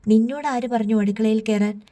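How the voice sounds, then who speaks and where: A woman's voice: fairly high pitch, steady tone, brisk, warm tone, lightly acted. A woman voicing a worried middle-aged mother who scolds her daughter with a shaking voice. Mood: upset scolding. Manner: scolding, voice trembling with hurt.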